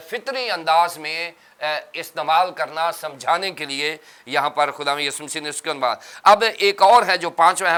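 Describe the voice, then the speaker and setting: Bright, clear-voiced male pastor teaching. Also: on the high side. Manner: teacherly, explaining terms step by step. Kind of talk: religious TV panel discussion.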